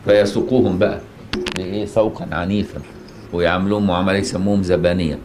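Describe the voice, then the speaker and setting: A man's voice: sits low, steady tone, fast. A man with an Egyptian accent giving a colloquial religious lesson in a mosque, often asking rhetorical questions and checking that listeners follow. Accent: Egyptian Arabic. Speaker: religious teacher. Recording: echoey mosque, faint noise.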